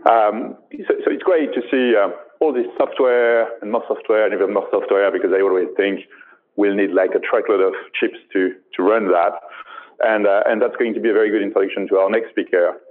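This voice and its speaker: Low-voiced halting male moderator, tinny sound. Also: steady tone. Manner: halting, many fillers. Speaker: conference moderator. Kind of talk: introducing speakers. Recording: tinny phone-like audio.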